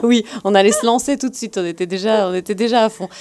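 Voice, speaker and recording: A woman hosting a radio show for teenagers, chatting with her guest in a friendly way with quick back-channel remarks. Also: mid-range voice, a little mellow, a little hiss or hum. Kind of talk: radio interview, casual chat.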